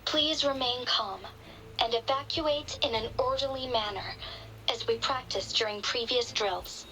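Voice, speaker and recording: A bright, high female voice rings out as a pre-recorded loudspeaker broadcast in a game. She is a calm official announcer giving formal, orderly public instructions, with faint noise behind her. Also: measured pace, rough recording. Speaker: city evacuation announcer.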